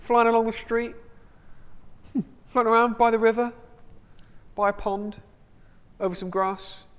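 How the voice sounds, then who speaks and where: A man co-hosting a casual live stream, jokey and animated, reading out viewer comments. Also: very high voice, measured pace, clean tone, dull audio. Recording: long hall reverb.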